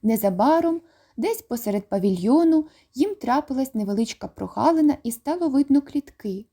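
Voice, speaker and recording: Woman reading a kids' story aloud, calm and expressive, kinda high, soft mellow tone. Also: brisk, breathy edge. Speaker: narrator. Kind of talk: storytelling narration of a children's audiobook.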